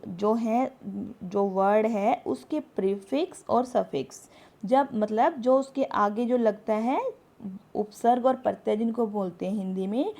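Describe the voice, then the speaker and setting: Slow, gravelly-voiced woman teacher. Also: mid-range voice, darkish tone. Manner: slow, explanatory, reads English tips aloud. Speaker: English teacher. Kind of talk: spoken English lesson in Hindi.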